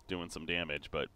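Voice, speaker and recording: A man casting a live competitive video game match, calling the plays quickly and getting excited at the big moments, with frequent fillers and restarts. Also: rumbling low, a little hiss or hum. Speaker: esports caster.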